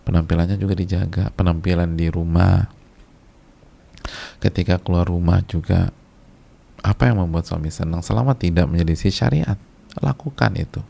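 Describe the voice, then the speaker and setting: A man's voice: deep voice, normal speed, gravelly, long pauses, warm tone. A male preacher giving a casual religious lecture, talking conversationally, repeating key phrases for emphasis and sometimes chanting short religious verses.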